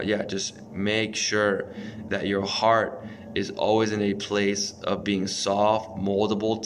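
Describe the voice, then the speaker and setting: A man's voice: on the low side, background noise. A man in his thirties giving an informal sermon to camera from a small bedroom, earnest and exhorting, with many restarts and fillers. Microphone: phone or webcam close up.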